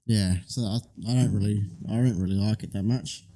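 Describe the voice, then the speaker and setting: A man's voice: on the low side, a little fast, warm tone. A man co-hosting a podcast in casual chat, laid-back and hesitant, agreeing often. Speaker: podcast co-host.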